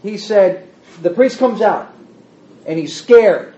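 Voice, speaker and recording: A man's voice: high-pitched, takes it slowly. A man teaching a Bible class in conversational style, acting out quotes and asking the room questions. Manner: animated, acts out quotes, asks the room questions. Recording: roomy, dull lo-fi room recording.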